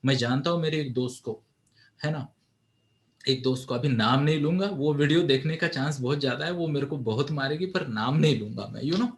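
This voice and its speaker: A man giving a motivational storytelling talk to an audience, animated and engaging, often turning to the audience with questions. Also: mid-range voice, brisk. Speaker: motivational speaker and counselor.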